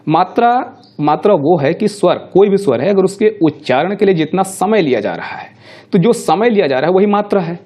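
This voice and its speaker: A man's voice: high-pitched, animated, a little fast, a little mellow. A middle-aged male teacher giving a classroom lecture, explaining step by step and answering his own questions.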